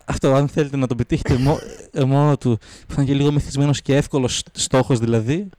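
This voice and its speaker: A man's voice: mid-range voice, fairly even intonation, mellow, dry recording. A man co-hosting a podcast, telling a long story in casual chat and often restarting his sentences. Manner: rambling storyteller, many restarts. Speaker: podcast co-host.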